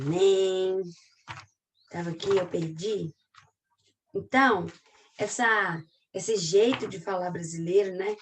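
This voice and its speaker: A woman's voice: medium pitch, far from the mic, a little hiss or hum. A woman teacher from Minas Gerais with a Mineiro accent, chatting her way through a recorded class and searching aloud for pages. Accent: Mineiro Brazilian Portuguese. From Minas Gerais, Brazil. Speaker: literature teacher.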